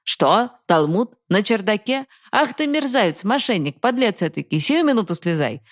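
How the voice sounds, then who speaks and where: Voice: mid-range voice, big pitch swings, normal speed, no echo, clean studio sound, pitched above the performer's own voice, close to an everyday voice. A reader voicing a stern, irritable father who scolds his young son with name-calling and coughs into his throat. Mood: scolding. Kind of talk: story reading with voiced characters.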